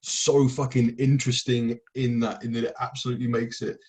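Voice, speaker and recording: A man's voice: medium pitch, little pitch movement, fairly quick, darkish tone, slight background noise. A young man hosting a casual chat about poetry. He rambles enthusiastically and swears casually. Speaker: podcast host. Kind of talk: casual conversation.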